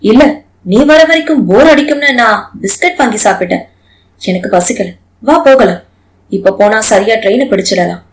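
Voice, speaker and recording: A woman voicing a caring young husband who consoles his wife in a calm, gently lecturing way. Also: mid-range voice, moderate pace, echoey room, natural voice, rough recording.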